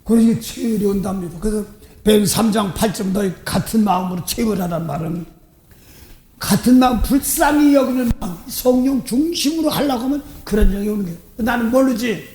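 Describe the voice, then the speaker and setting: The middle-aged pastor's high-pitched voice moves briskly through a dawn service sermon in a church sanctuary, where he shares a personal story, acts out voices, and laughs frequently at his own expense. The sound is roomy, with slight background noise.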